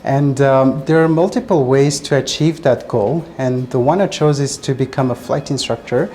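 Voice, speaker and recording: In a testimonial interview, a flight instructor from Madagascar speaks earnestly, often hesitating with fillers. His mid-range voice is mellow and moves at a moderate pace, with a little hiss or hum in the recording.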